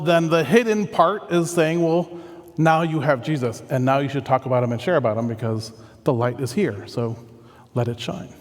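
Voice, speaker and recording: A man pastor giving a conversational, earnest sermon that often drops into soft, reflective tones. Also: mid-range voice, long reverb tail.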